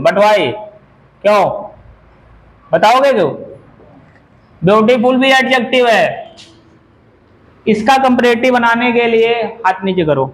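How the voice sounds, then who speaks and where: A man's voice: high voice, rough recording. A man teaching a grammar lesson in a classroom, who keeps firing questions at his students and drills words by saying them over and over. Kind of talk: classroom lecture.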